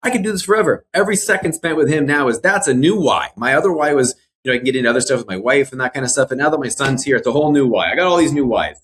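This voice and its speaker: This mortgage broker, a man in his forties, talks in a medium-pitched, slightly bright voice that is animated and racing, with hardly any pauses, and a little hiss or hum is audible. As a guest in a casual interview, he sounds earnest and reflective, repeating words while he thinks.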